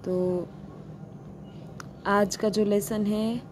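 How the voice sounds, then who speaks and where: A woman teaching Quran reading, patiently spelling out each sound and repeating it slowly. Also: mid-range voice, little pitch movement, darkish tone, slight background noise. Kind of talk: slow recitation lesson.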